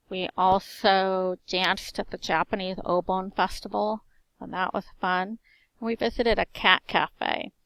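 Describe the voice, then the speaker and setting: With a fairly low pitch and vocal fry, a woman in her forties, a teacher, delivers a monologue introducing herself. She speaks in a strong, carrying voice with a slight S slur, listing things in short, even phrases. The recording is dry and low in quality.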